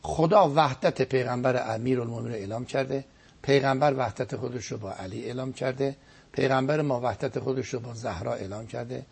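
A man's voice: mid-range voice, gravelly, breathy edge. A man speaking as a guest cleric, giving an earnest, emphatic religious lecture on a broadcast program and often repeating his words for stress. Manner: earnest, emphatic preaching with repetitions.

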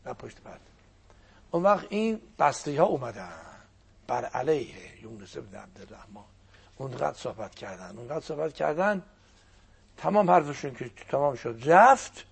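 An older man, a cleric whose first language is Azerbaijani Turkish, telling religious stories in an animated preaching manner with a husky, gravelly voice. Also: mid-range voice. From Turkic-speaking region of Iran. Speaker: cleric guest speaker. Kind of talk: religious storytelling talk.

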